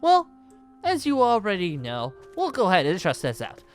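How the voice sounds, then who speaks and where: For an improvised Minecraft roleplay, a man voices a boastful, jovial ancient dragon slayer wizard, speaking in a high pitch with huge swings at a moderate pace. He is theatrical and grandly formal, playful and chuckling as he brags. Background music plays under his voice.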